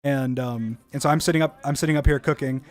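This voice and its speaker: A young man casually commenting on his own gameplay video, rambling with lots of "like" and quick restarts. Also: medium pitch, steady tone. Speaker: YouTuber reacting to own video.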